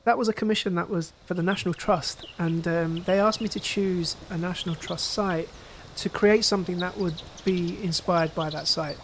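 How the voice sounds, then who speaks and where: A man who is a composer and sound artist, speaking in a relaxed, reflective interview with fillers like "you know". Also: sits high, moderate pace, slight background noise.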